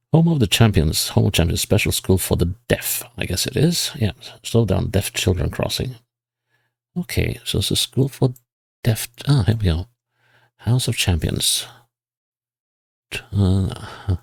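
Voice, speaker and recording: A man giving casual gameplay commentary, musing to himself and reading signs and place names aloud in a husky voice. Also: low voice, no room sound. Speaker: GeoGuessr player.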